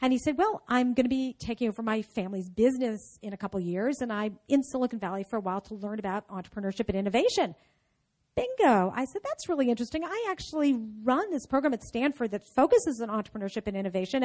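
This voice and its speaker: Lively woman telling a story on stage. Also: on the high side, quick pace. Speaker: speaker giving a talk; entrepreneurship teacher. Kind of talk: storytelling talk to an audience.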